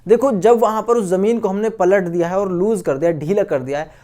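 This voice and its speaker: Brisk and warm, a high-pitched male science teacher records a video lesson for school students. He calls them "guys," drops English technical terms into his speech, repeats important words, and asks questions only to answer them.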